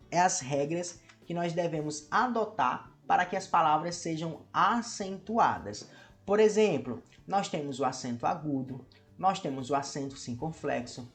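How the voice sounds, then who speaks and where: Brazilian man teaching with rhetorical questions. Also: on the high side. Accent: Brazilian Portuguese. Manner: asks many rhetorical questions and addresses viewers as "meu povo". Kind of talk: lesson explanation to camera.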